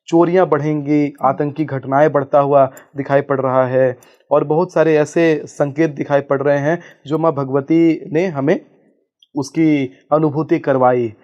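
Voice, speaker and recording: A man's voice: on the high side, steady tone, a little slow, a little mellow, dull audio. A man speaking as a spiritual guest in an interview, explaining at length and reciting Sanskrit verses. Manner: expounding, chants Sanskrit verses.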